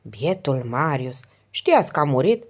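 A woman voicing a sick, complaining innkeeper woman with a hoarse, whining voice in an audiobook. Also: deep voice, big pitch swings, darkish tone. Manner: querulous, self-pitying. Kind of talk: audiobook character voice.

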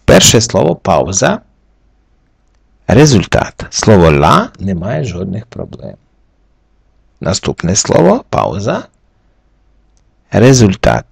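A man's voice: lowish voice, vocal fry, slightly rough, dry recording, clean studio sound. A man teaching a recorded lesson, methodically walking through the reading rules letter by letter. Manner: methodical, slowly walks through each letter rule. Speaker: French teacher.

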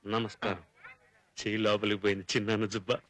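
An actor playing a simple-minded, childlike grown son in film dialogue, talking in a plaintive, pleading way. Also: male voice, fairly low pitch, flat delivery, fast talker, fairly bright tone. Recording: film soundtrack with faint music.

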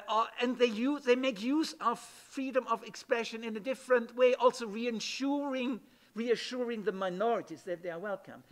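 A man's voice: high-pitched, a bit bright. A middle-aged man from Germany, speaking at a panel event in an emphatic way, with frequent restarts and "yeah?" checks. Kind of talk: spoken conference talk.

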